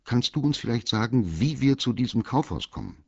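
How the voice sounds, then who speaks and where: A man's voice: medium pitch, expressive, fairly quick, a little mellow, slightly rough, no room sound, lo-fi sound, voice pushed up. A man voicing a small, eager male teddy bear who always knows a way out. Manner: eager, confident, upbeat.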